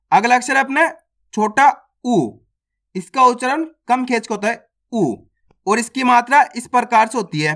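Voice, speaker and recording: A man's voice: very high voice, a bit bright. A man teaching the Hindi alphabet in an online lesson. He poses questions to the class and answers them himself. He draws out each vowel sound to show how it is said. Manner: checks in with listeners.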